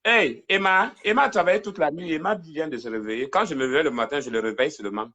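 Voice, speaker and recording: Speaking quickly in a voice on the high side, a man runs a casual home livestream through his phone. He's a teasing talker whose voice occasionally wanders from the mic, and he goes quiet for asides during phone calls.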